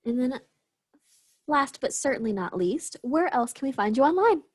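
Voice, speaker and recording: A woman's voice: high voice, big pitch swings, moderate pace, slightly rough. A woman interviewer asking prepared questions and giving brief, casual, affirming reactions.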